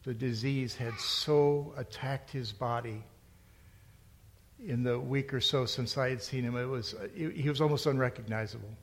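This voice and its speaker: A man's voice: medium pitch, fairly even intonation, normal speed. A middle-aged male pastor preaching a sermon in a conversational storytelling way, rising to emphatic points. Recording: long hall reverb.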